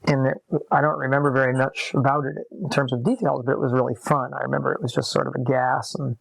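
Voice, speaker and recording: There's no echo on this mid-range male voice, which carries fairly even intonation and vocal fry. An interviewee in his late forties, a scratchy-voiced musician from Massachusetts, reflects on his life at a desk in an upstairs apartment room, telling it conversationally and without hurry, with pauses throughout.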